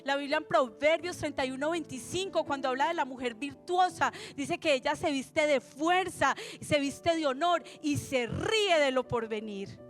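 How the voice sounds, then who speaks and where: A woman pastor preaches to her congregation in a high, bright voice, slipping into playful acted-out voices to make her points. Faint music plays softly behind her in the church sanctuary. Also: normal speed, few pauses. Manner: animated preaching with acted-out quotes and humor. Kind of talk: sermon.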